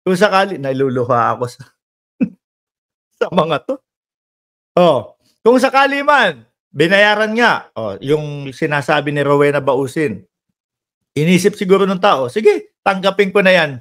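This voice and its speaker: High-voiced teasing man. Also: sing-song, measured pace, long pauses. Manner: teasing, laughs often, swings between loud chants and low asides. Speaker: political commentary vlogger. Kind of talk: casual mocking commentary.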